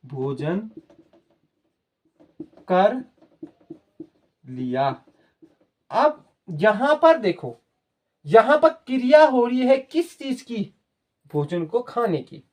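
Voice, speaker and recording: A male teacher giving a slow, careful lesson. His pitch rises and falls a lot as he stresses each word. He talks to his viewers as children and keeps repeating things patiently. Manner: slow, explaining patiently to students, repeating words. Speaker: Hindi teacher. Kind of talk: spoken grammar lesson.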